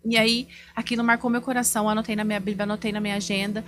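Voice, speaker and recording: A woman giving a heartfelt, faith-filled testimony as an image consultant on a podcast. She tells her story in a lively way and acts out the dialogue she remembers. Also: medium pitch, very fast. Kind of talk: personal testimony in a podcast interview.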